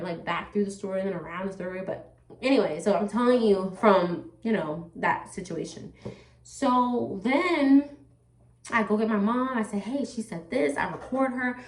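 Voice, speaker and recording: There's a little hiss or hum as a medium-pitched woman talks at a moderate pace, doing her makeup and chatting loosely with viewers. The vlogger addresses "you guys" directly, peppering her rambling with "like" and "you know," in an echoey room away from the mic.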